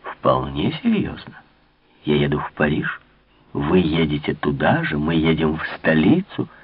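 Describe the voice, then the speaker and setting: A man voicing a calm, scheming young courtier who speaks low and measured. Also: husky, no echo, exaggerated voice. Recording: narrow phone-like old radio sound.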